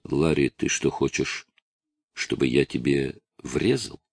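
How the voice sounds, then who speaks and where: A man voicing a weary middle-aged police officer who answers his son quietly and firmly. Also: rumbling low, lively intonation, no room sound, voice pushed down, heavily acted. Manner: quiet, firm and measured.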